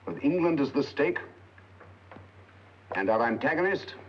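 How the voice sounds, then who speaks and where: Sherlock Holmes, crisp and commanding. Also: male voice, fairly high pitch, expressive, measured pace, slight background noise. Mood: urgent. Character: brisk brilliant male detective, commanding. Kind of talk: 1940s film acting. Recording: dull 1940s film soundtrack.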